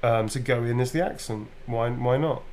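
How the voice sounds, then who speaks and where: A British voice actor answers fan questions in a casual live Q&A, speaking at medium pitch and moderate pace with a slightly mellow tone. He's chatty, loose and informal, full of ums, restarts and self-corrections, and there's a little hiss or hum in the audio.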